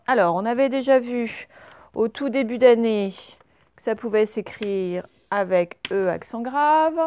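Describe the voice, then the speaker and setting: Here a woman with a French accent teaches spelling to little pupils, slowly and patiently elongating the example words as any primary school teacher might. She has a fairly high, warm voice, and the recording is dry.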